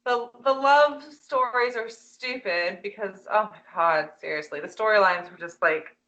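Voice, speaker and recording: A woman co-hosting a casual review chat in an exclamatory, halting way with mimicking asides, on a slightly dull recording. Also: mid-range voice, a bit bright. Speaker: podcast co-host.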